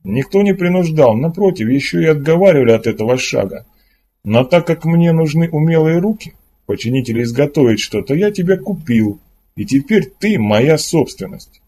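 A man's voice: fairly high pitch, animated, normal speed, mellow, slight background noise, voice pushed up, lightly acted. A man voicing a stern male pirate commander in an audiobook, speaking in a dry, businesslike and curt way.

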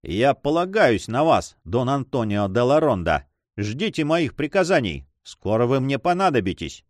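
A man's voice: medium pitch, big pitch swings, moderate pace, dry recording, clean studio sound, natural voice. A man voicing a proud, hot-tempered nobleman in an audiobook, commanding and threatening. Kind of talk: audiobook reading.

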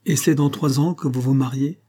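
A man's voice: mid-range voice, steady tone, moderate pace, warm tone, breathy edge, voice pushed up, natural voice. A man reading the part of a teasing, sly middle-aged master of the house, in a jovial mocking tone.

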